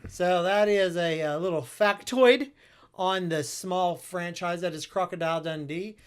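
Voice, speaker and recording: A man with a notably high voice chatting on a casual podcast. He laughs easily and stumbles over his words with fillers. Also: unhurried, clear, resonant tone. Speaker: podcast co-host.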